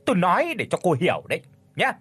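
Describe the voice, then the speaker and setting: A man voicing a domineering elderly mother-in-law in an audio storybook, with a harsh, scolding manner and a husky tone. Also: a little high, huge pitch swings, a little slow, bright, forceful tone, exaggerated voice. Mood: furious scolding.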